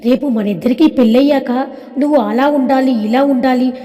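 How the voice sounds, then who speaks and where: A woman's voice: high voice, normal speed, mellow, lightly acted. A woman voicing a playful young college woman who puts on mock anger, speaking in a sassy, teasing way. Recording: long hall reverb.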